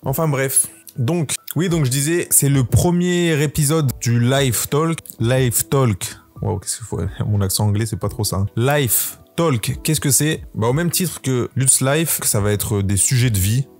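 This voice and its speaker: A man's voice: medium pitch, measured pace, a little mellow, soft background music. A man, talking casually to camera about his channel, rambling with lots of fillers and restarts. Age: 20s. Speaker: YouTuber hosting his own podcast. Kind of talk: casual solo talk to camera.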